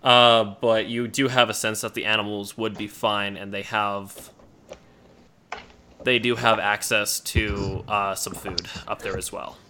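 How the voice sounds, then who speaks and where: A man improvising narration as a tabletop game master in a halting, descriptive way. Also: fairly low pitch, level tone, crowd noise.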